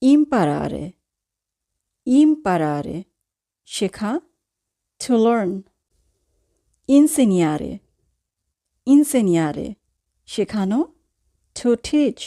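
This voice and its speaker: A woman's voice: mid-range voice, sing-song, extremely slow, long pauses, warm tone. A woman with a Bangladeshi Bengali accent teaching vocabulary, saying each word twice and then translating it. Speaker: language teacher. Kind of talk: slow vocabulary lesson.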